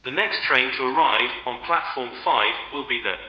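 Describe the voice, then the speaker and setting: A man's voice: mid-range voice, moderate pace. An automated train station announcement in a man's voice, built from recorded words spliced together, with a formal announcer delivery. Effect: spliced together words from recorded clips. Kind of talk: station public address announcement. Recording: dull, echoey playback with faint music.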